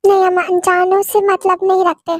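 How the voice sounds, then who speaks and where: A woman's voice: very high-pitched, monotone, normal speed, darkish tone, no echo, clean studio sound. A woman voicing a stubborn young woman who sulks and refuses, speaking formally, in a fan-made audio drama. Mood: sulky. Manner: sulky, formal plural speech.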